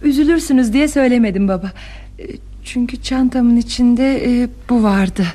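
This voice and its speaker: A young actress playing a calm, playfully confident daughter in a classic radio play. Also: female voice, a little high, normal speed, natural voice. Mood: eager, polite. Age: young adult. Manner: calm, teasing, self-assured. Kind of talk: 1960s Turkish radio theatre acting.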